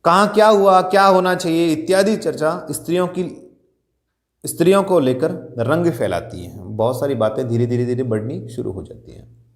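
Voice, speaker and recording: A male college teacher reads a story passage, then rephrases it in simpler words and puts rhetorical questions to his students. His voice sits fairly high. The room around him echoes. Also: moderate pace. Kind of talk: reading and explaining a Hindi story.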